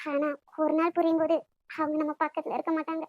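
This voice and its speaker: A woman voicing an outspoken young cartoon woman with a Nagercoil Tamil accent. She has a high, light voice and a quick, scolding, teasing way of talking. The recording is dry and close. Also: completely flat delivery, no echo, lo-fi sound, lightly acted. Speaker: voice actor for an animated love story. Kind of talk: cartoon voice acting.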